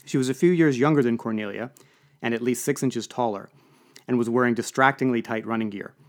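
A man's voice: medium pitch, fairly quick. A man narrating an audiobook in a dry, wry storytelling manner.

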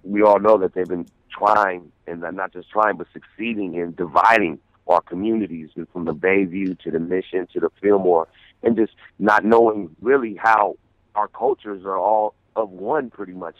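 A low-voiced man calls in to a radio interview, speaking earnestly and circling back over his words as he thinks. The sound is thin and tinny like a phone line, and very dry. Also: dry recording. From San Francisco, USA. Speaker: guest artist.

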